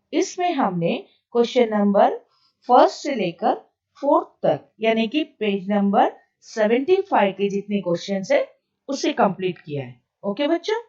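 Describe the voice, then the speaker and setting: A woman's voice: a little high, a little mellow. A woman with an Indian accent teaching an English lesson, switching to Hindi to explain and often checking "okay?" with her students. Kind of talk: recorded online lesson, mixing English and Hindi. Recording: dull, distant lo-fi recording.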